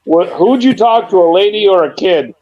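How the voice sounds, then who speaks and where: A man's voice: high-pitched, expressive, moderate pace, a little mellow, muffled recording. A man joining a live stream as a guest, teasing the host and egging him on in casual chat.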